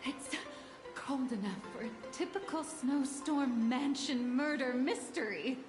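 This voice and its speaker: A wry young comic artist. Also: female voice, high voice, a little slow. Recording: game audio, roomy, music behind.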